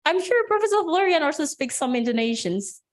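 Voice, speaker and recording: A woman with a high voice introduces a guest speaker at an online seminar. She sounds enthusiastic and encouraging, with a few ums, speaking over a video call. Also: big pitch swings, a little fast, slight background noise. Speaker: seminar moderator.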